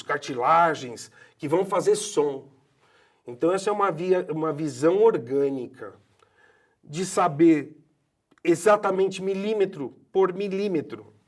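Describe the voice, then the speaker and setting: A man in his fifties with a Brazilian accent, a voice doctor speaking in an expressive, emphatic way. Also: on the high side. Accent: Brazilian Portuguese. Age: 50s. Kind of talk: passionate promotional talk.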